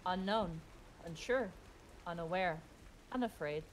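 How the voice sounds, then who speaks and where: A cryptic voice in the head, acted by a woman for a tabletop game. It speaks in solemn, halting strings of alliterative words. The pitch is fairly low, over faint background noise. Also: natural voice, low-quality recording. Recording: background noise, room ambience.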